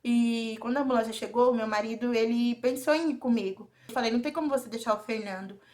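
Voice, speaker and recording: A woman's voice: a little high, quick pace, a little mellow. A young woman with a Brazilian Portuguese accent tells her viewers a personal story in a confiding vlog, often turning to address them directly. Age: young adult. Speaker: vlogger.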